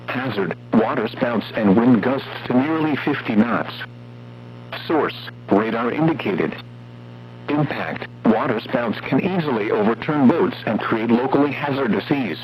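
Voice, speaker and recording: Over muffled, lo-fi radio with a faint hum underneath, a computer-generated male voice with an American accent delivers formal weather warnings. His pitch is medium, and the reading stays measured and impersonal throughout the broadcast.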